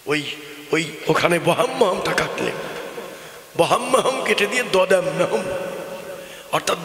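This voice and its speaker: A high-pitched man with a bright, ringing voice preaches a devotional sermon. His telling is emphatic and sing-song, swelling and dropping as he goes. The sound carries a long echo, as if it were booming through a loudspeaker across a big hall. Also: lively intonation, unhurried. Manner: emphatic, sing-song, rising and falling delivery. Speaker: kirtan preacher. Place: open-air gathering with loudspeakers. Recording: echoey hall from a PA system.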